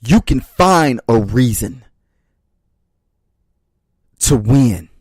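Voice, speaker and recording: Slow, emphatic motivational speaker, a man. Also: mid-range voice, lively intonation, a little mellow, slightly rough, no room sound. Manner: emphatic, repeats short refrains; addresses listeners as brothers and sisters. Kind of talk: motivational speech.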